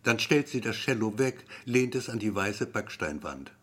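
A man's voice: fairly low pitch, lively intonation, moderate pace, slightly rough. A man reading a story aloud in a wry, repetitive storytelling manner. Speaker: narrator.

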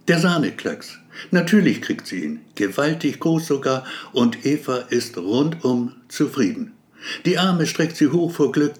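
A man narrating a story as an audiobook in a playful, wry way. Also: medium pitch.

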